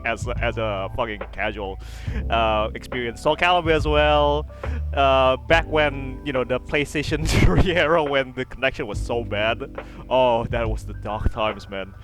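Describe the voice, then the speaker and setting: A man's voice: medium pitch, unhurried, fairly bright tone, faint music behind. A man guesting on a podcast, chatting casually, laughing often and swearing freely, with lots of restarts as he tells his stories. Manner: stumbles and restarts when telling stories. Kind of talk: casual chat.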